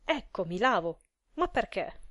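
A woman's voice: medium pitch, very animated, unhurried, fairly bright tone, no echo, studio quality. A woman reading aloud voices a meek, bewildered middle-aged husband who speaks mildly and hesitantly. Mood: puzzled. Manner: mild, hesitant, placating.

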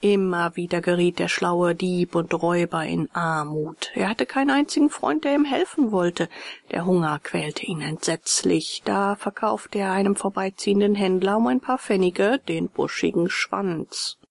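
A woman narrating a children's storybook aloud in an expressive way. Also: lowish voice, moderate pace, vocal fry, dry recording.

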